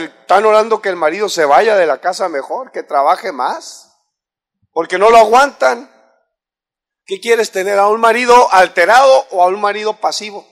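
A Mexican pastor delivers a sermon in a notably high voice for a man. He peppers his congregation with rhetorical questions, rising loud and then dropping low. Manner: preachy, many rhetorical questions, swings between loud and soft.

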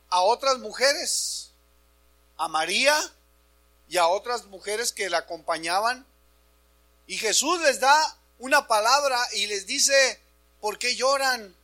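A male preacher delivers an animated Easter sermon to his congregation. His voice sits high and sounds bright and forceful, and he often raises it to make a point. A faint mains hum runs under the church recording. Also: slow pace, pauses often. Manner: animated, addresses congregation as brothers, shouts for emphasis. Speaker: pastor.

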